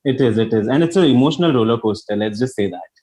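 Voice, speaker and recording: A man's voice: medium pitch, animated, fast, dark tone. A man with an Indian accent hosting a conversational entertainment interview, putting questions to a guest. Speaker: interview host.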